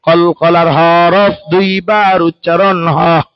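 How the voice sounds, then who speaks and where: A man's voice: high voice, level tone, takes it slowly, a little hiss or hum. A man teaching a Quran recitation lesson, calling on students to answer aloud and adding colloquial joking asides. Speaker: religious teacher. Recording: dry, dull lo-fi sound.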